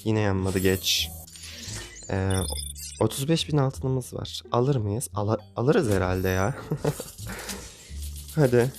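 A man's voice: on the low side, slow pace, long pauses, faint music behind. A young man giving casual gameplay commentary, pleading with and grumbling at the game as he spins for prizes. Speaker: gaming YouTuber.

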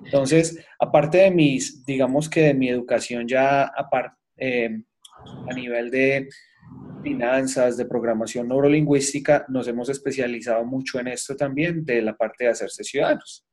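A man's voice: mid-range voice, steady tone, normal speed, a little mellow. A man with a Colombian accent, an accountant presenting an earnest seminar talk on a video call. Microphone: webcam on a video call.

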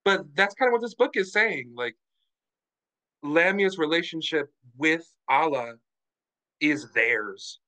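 Bright-voiced man on a video call. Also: fairly high pitch, takes it slowly, long pauses, poor audio. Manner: animated, frank, lots of fillers. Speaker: book club member. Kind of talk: casual group discussion.

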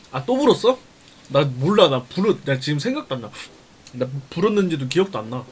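A man's voice: fairly high pitch, sing-song, normal speed, a little hiss or hum. A young man live-streaming a meal, reacting to viewer chat with teasing, laughing remarks and muttering between bites. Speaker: mukbang streamer.

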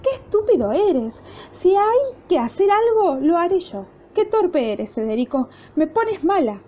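A woman with an Argentine accent voicing a sharp-tongued, bossy wife in a told fairy tale. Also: a little slow. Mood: scolding. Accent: Argentine Spanish. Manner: scolding and shrill. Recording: dull lo-fi recording, faint noise.

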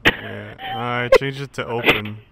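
A man's voice: mid-range voice, huge pitch swings, unhurried, creaky, heavy background noise. A young man chatting over a headset while gaming, exasperated, laughing often and swearing. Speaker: gamer in party chat. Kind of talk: casual chat while gaming.

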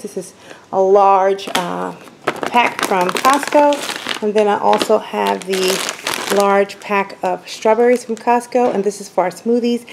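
A woman's voice: medium pitch, gravelly, background noise. A woman talking through her grocery haul for a vlog in her home kitchen, chatty and enthusiastic, with rain faintly outside. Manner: chatty, enthusiastic product rundown. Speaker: vlogger.

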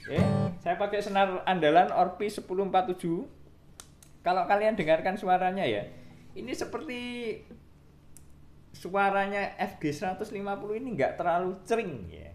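A man's voice: high voice, animated, normal speed, roomy sound. A man with an East Javanese Indonesian accent, a guitar repair shop owner, talking casually as he explains his work and counts off the frets aloud. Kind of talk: casual workshop demo talk.

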